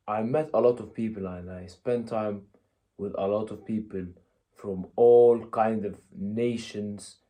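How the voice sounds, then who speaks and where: A young Egyptian man with a fairly low, dark-toned voice gives a blunt, casual motivational talk as a vlogger, sprinkling it with "you know" and "yeah?".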